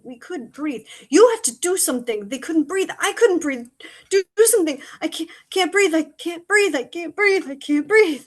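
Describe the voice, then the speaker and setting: Crow: high, slow-spoken bird, desperate and pleading, read by a woman. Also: bright, forceful tone, slightly rough, full character voice. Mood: panicked. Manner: pleading, breathless, grows frantic. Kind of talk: audio drama reading.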